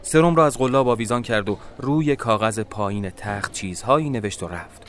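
A man narrating a first-person story in a measured, dramatic storytelling manner. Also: fairly low pitch, fairly bright tone.

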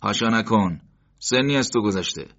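A man's voice: lowish voice, expressive, a bit bright, pitched above the performer's own voice. A man voicing a menacing male secret-police interrogator who threatens and sneers, in an audiobook. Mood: threatening. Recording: dull lo-fi recording.

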